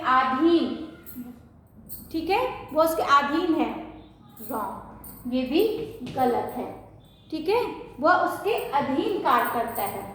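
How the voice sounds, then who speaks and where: A woman teaching a language lesson, slowly spelling out words and repeating each one for her students to copy. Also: high voice. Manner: slow, repeats words for drill. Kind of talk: Hindi pronunciation lesson. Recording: very echoey room.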